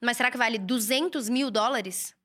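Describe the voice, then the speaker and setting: A woman hosts a chatty solo talk on business advice. Her voice sits somewhat high and sounds strikingly bright and forceful. She talks casually from an indoor room set up for recording. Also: normal speed. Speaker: host and writer. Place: indoor room with a curtain backdrop, books and a computer.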